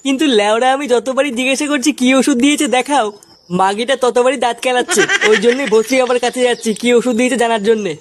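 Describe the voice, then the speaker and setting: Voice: medium pitch, fairly even intonation, quick pace, background noise, natural voice. A voice actor playing a foul-mouthed, hot-headed male village club boss who swears and grumbles. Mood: grumbling.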